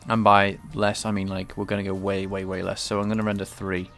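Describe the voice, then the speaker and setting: His voice sits low and monotone, a little fast and a bit bright, over soft background music. This game developer streams his work, thinking aloud while live-coding and explaining his game engine in casual commentary that's hesitant and full of restarts. He's somewhat stuffed-up and nasal from a cold.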